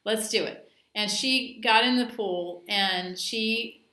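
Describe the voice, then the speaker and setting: A woman dive instructor talks through a training session in a chatty, anecdotal way, with plenty of ums and asides. Her voice is bright and forward. The room around her is echoey. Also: medium pitch, slow pace. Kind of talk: casual training talk.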